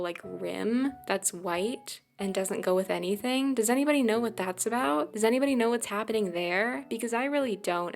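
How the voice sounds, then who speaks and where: A woman with a gravelly, fry-heavy voice talks through a video game in loose, rambling commentary. She is sarcastic and swears freely, addressing her viewers directly. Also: on the low side. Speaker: gaming YouTuber. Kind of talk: casual gameplay commentary.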